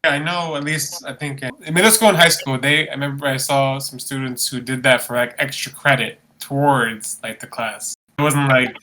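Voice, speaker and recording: Casting: man, very bright tense tone, quick interjections on a podcast. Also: mid-range voice, fairly even intonation, low-quality recording. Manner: brief interjections, easy laughter. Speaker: podcast co-host. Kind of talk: casual review chat.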